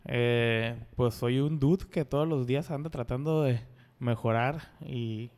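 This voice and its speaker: A man's voice: mid-range voice, a little slow, a little mellow. A man in his thirties with a Mexican accent, a podcast guest talking in a laid-back, slangy, joking way. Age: 30s. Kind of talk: casual conversational interview.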